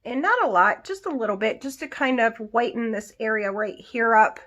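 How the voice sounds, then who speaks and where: A woman's voice: fairly high pitch, normal speed, fairly bright tone. A woman vlogger chatting casually through a get-ready-with-me makeup tutorial, explaining each step and adding little asides. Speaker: beauty vlogger.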